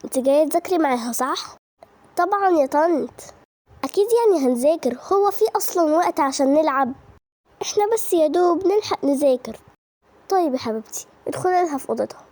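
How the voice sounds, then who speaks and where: A woman's voice: high voice, animated, fast, darkish tone, no echo. A woman voicing a kind but watchful mother with an Egyptian accent, affectionate and knowing. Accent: Egyptian Arabic.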